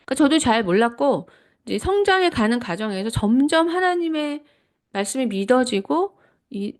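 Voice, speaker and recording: A middle-aged woman speaks in a fairly high voice with a lively, rising and falling melody. She delivers a devotional teaching talk with earnest personal testimony. She often pauses to rephrase herself as she reflects. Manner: reflective, with frequent self-corrections.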